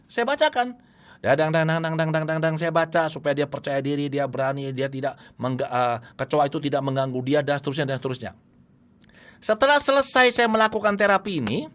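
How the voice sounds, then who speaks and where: A middle-aged man giving a lecture on hypnotherapy, explaining cases and acting out what clients say. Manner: animated, acts out client voices with big pitch jumps. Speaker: hypnotherapy instructor. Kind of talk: lecture presentation.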